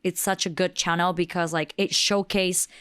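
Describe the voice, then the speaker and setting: A woman's voice: on the low side, steady tone, moderate pace, fairly bright tone, clear, resonant tone, no room sound, studio quality. A young Japanese woman in her twenties, a podcast guest with a Japanese accent, chatting casually and saying "like" a lot. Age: 20s. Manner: chatty, fills with "like", mixes in Japanese phrases. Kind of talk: casual conversation.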